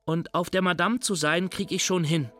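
A man voicing a shy young girl in a children's book reading, speaking timidly and softly. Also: high-pitched, steady tone, moderate pace, soft background music, voice pushed up. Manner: timid, soft.

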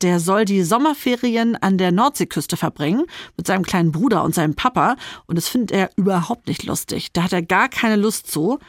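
A radio show host introducing a children's book reading in a friendly, brisk way. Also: medium pitch, no echo, studio quality.

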